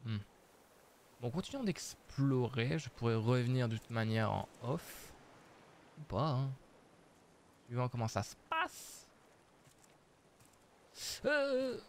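Slow, musing game streamer man. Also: mid-range voice, creaky, darkish tone, slight background noise. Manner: slow, musing, thinking aloud with many hesitations. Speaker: streamer playing a survival game. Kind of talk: casual live game commentary.

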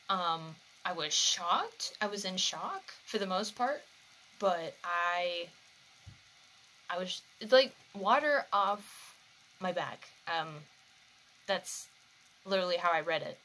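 A woman's voice: on the low side, sharp tone, poor audio. A woman giving casual reaction commentary to camera, candid and rambling, recorded on a phone. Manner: candid, rambling, self-correcting. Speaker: anime reaction YouTuber.

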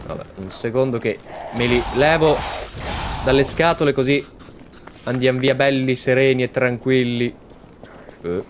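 A man hosting a let's-play, excitedly commenting on his game and chatting to viewers. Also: medium pitch, measured pace, long pauses, background noise. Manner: excitable, exclaims often, talks to viewers. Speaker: gaming channel host.

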